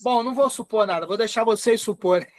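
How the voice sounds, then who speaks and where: A Brazilian man with a very high voice runs a live online class over a call. He talks in a chatty, informal way and slows right down to dictate word by word. The sound is dry and close. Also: no room sound. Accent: Brazilian Portuguese. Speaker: instructor.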